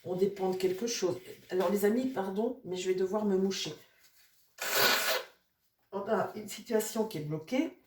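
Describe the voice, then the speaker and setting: A woman's voice: medium pitch, moderate pace, pauses often, heavy background noise. Nasal woman with a cold, reading tarot. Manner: rambling, many fillers and restarts; addresses her tarot deck softly. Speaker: tarot reader. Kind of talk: casual tarot reading to viewers.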